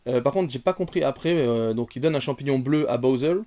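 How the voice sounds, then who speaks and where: A man rambles through an unscripted film review, restarting his sentences and padding them with fillers. He speaks directly to his viewers, moving from quiet muttered asides to sudden loud exclamations. His pitch sits right in the middle for a man. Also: a little fast. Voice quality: bearded. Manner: animated, swings from soft asides to loud outbursts. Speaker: retrogaming YouTuber.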